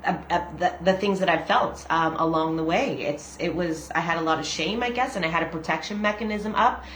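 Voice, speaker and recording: A woman in her forties hosts a casual video where she reads a daily meditation aloud, then talks about her own experience, opening up with laughs and frequent fillers. Her voice is lowish, brisk, and a bit bright. The room is echoey, with slight background noise.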